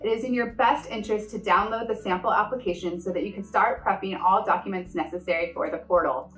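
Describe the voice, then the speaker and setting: A middle-aged woman, a company executive, reading a scripted explainer to camera in a clear, measured way, stepping through points as a numbered list. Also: mid-range voice, a bit bright. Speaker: company executive presenting a business update. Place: indoor office with a wood counter. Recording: roomy, a little distant from the mic, faint music under it.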